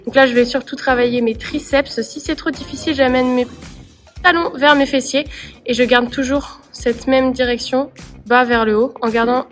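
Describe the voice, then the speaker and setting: A woman clearly explaining workout exercises step by step as a coach. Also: sits high, steady tone, normal speed, soft background music. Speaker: CrossFit coach. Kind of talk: workout instruction.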